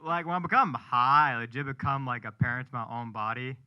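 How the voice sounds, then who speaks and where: At a live comedy show with an audience, a young stand-up comedian from New Hampshire delivers a self-deprecating set built around punchlines. His mid-range voice runs a little fast with a clean tone, though the highs are cut off.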